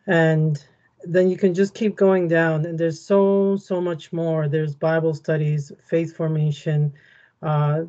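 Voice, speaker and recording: Woman walking a group through a website, mellow and monotone, muffled video-call sound. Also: low voice. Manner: explanatory, steady, even. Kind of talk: screen-share walkthrough in an online meeting.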